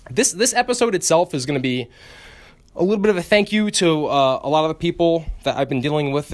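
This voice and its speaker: A young man talks alone as the host of his podcast, loose and unscripted. He swears freely and keeps restarting his sentences, stammering as he goes. His voice sits in an ordinary middle pitch. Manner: rambling, profane, many restarts and stammers. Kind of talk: casual solo podcast monologue.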